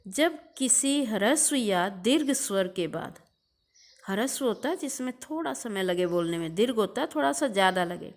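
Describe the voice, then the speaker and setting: A woman teacher giving a recorded grammar lesson, drawing out examples and repeating key terms. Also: mid-range voice.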